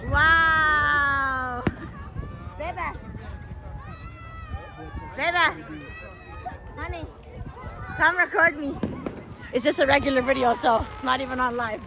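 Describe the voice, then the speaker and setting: A woman's voice: slow pace, long pauses, a crowd in the background. Whooping woman filming fireworks outdoors. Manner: exuberant, frequent high whoops and laughs. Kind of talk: excited casual vlog narration. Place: outdoors at a riverside fireworks show. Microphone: handheld phone. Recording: loud fireworks bangs behind. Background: fireworks and city noise.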